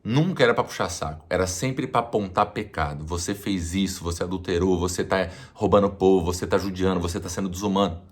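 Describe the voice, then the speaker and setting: A man from Brazil delivering an impassioned opinion monologue, full of rhetorical questions and swinging from loud outbursts to quiet asides. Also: low-pitched, fast talker, hardly any pauses. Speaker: YouTuber giving opinion.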